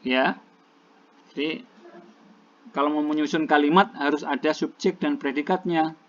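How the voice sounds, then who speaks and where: A male teacher giving a classroom lecture, explaining slowly and repeating each point in translation. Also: a little high, steady tone. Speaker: English teacher. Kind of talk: classroom lecture, mixing languages. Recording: dull lo-fi classroom recording with clear noise.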